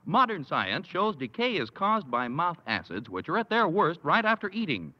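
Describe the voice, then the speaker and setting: A man's voice: on the high side, big pitch swings, moderate pace, no echo. A man announcing a 1950s radio commercial in a persuasive, emphatic way. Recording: dry, dull old radio sound.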